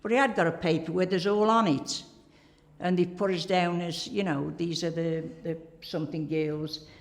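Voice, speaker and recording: A former pottery worker from Staffordshire, England, this older woman tells an interviewer rambling, chatty tales of her working years, with plenty of "like" and "you know." Her voice is fairly low with a steady tone at normal speed. The room reverberates.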